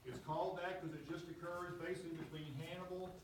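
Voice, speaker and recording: A man's voice: high voice, flat delivery, fast talker. A man working as a cave tour guide, explaining things to a group in a plain-spoken way. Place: tour site at and inside a cave. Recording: echoey, distant from mic, background noise.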